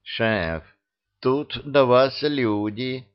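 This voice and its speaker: A man's voice: medium pitch, drawn-out words, clear, resonant tone, voice pushed up. A man voicing a timid, flustered servant bat that answers sheepishly, in a dull lo-fi audiobook recording. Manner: sheepish, apologetic.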